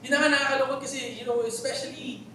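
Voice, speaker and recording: A man from the Philippines with a Filipino accent preaches a sermon in a church hall, telling stories with jokes and asking the congregation questions. His voice is very high-pitched, sharp, and level, and he talks fast, heard from far off in a very echoey hall with faint noise.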